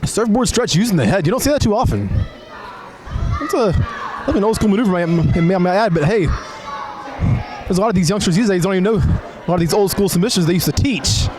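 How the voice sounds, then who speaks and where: A man with a high voice calls lucha libre as a live announcer. His commentary is conversational and a little halting, dotted with admiring exclamations. A crowd is clearly heard behind him. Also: lively intonation. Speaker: wrestling commentator. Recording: live event recording with crowd noise. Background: wrestling crowd.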